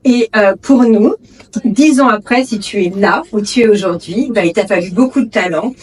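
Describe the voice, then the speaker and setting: A woman making a thankful public speech at a book event, warm and a little hesitant. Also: mid-range voice, moderate pace, breathy edge. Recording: distant event recording.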